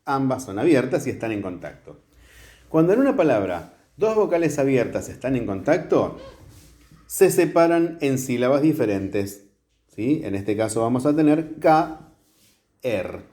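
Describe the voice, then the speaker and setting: In a classroom with a whiteboard, a man teaches a grammar lesson while a camera records from across the room. His warm, middle-pitched voice swings widely up and down at a normal speed, full of life. He takes the class through each step patiently and keeps checking that everyone is following.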